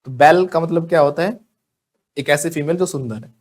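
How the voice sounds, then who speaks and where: A man with an Indian English accent runs a spoken English class. He talks lively and jokes, and he calls on students by name to answer. His voice sits fairly high for a man. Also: moderate pace. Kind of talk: live classroom lesson.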